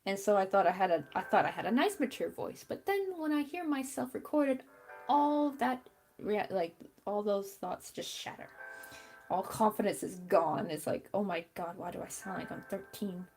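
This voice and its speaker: Crocheting as she talks, a young adult woman who hosts a crochet channel chats casually and mutters to herself about her frustrations. Her young-sounding voice is mid-range and animated with a darkish tone, delivered at a moderate pace, and music plays beneath it.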